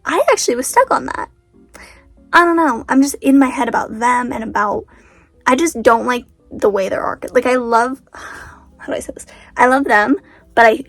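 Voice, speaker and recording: In a relaxed vlog, a teenage writer rambles with stressed self-mockery and a sleepy-sounding voice. Her pitch is fairly high and creaky, with a fairly bright tone, and the recording is dry.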